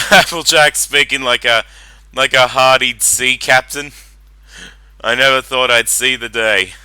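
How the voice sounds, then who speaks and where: A very bright, forceful male voice in a dry, close recording with faint music. He comments casually and rambles, repeating points slowly. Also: medium pitch, fairly even intonation, clean tone, no room sound. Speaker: reaction commentator. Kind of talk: casual blind reaction commentary.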